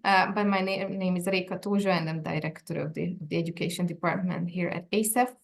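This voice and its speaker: Woman running a zoom meeting, lowish gravelly voice, polite, kinda procedural. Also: steady tone, fairly quick. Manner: polite, procedural, with some fillers. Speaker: education department director, meeting chair. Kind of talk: video call meeting, chairing introductions. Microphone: video call.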